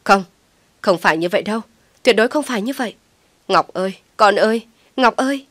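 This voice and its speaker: A woman voicing a desperate, tearful elderly mother who wails and pleads loudly. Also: mid-range voice, animated, fairly quick, no room sound. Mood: distraught pleading. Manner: wailing, pleading, loud.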